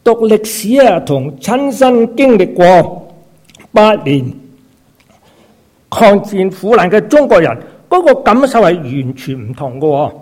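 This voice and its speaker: A man's voice: sits high, big pitch swings, unhurried, darkish tone. A man who is a preacher and a doctor, delivering a sermon and often asking the congregation rhetorical questions, sprinkled with short interjections. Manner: frequent "na" and "ha" interjections.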